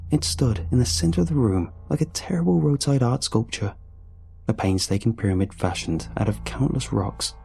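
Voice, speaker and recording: A man reading a scripted horror story aloud in a slow, hushed and deliberate manner. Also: mid-range voice, expressive, vocal fry, slight background noise. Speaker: narrator.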